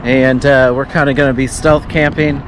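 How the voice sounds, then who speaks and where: A man chatting casually and jokingly for an outdoor bikepacking vlog, excitable and prone to whooping. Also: mid-range voice, normal speed. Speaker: vlogger on a bikepacking trip. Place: outdoors on a bike trip. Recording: loud wind and outdoor noise.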